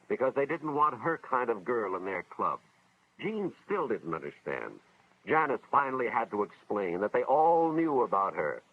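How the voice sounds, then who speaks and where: A husky, medium-pitched male voice belongs to an American man acting as an earnest school official. He narrates a 1950s educational film in a dramatic, moralizing story style, heard on a dull vintage soundtrack with music behind it.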